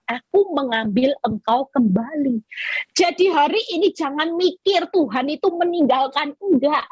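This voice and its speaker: Fervent high-voiced woman preacher, husky. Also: no echo, poor audio. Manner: fervent, emphatic preaching with pleading cries. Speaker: evangelist preacher. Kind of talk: online sermon via video call. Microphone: video call.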